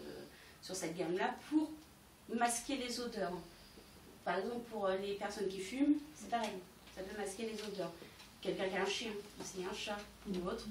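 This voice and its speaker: Woman doing a candle sales demo at a home party, lots of ums, sounds far off in a roomy space with faint noise. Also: mid-range voice. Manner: chatty, explains step by step with many hesitations. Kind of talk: product demonstration to guests. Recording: echoey room, distant mic, faint noise.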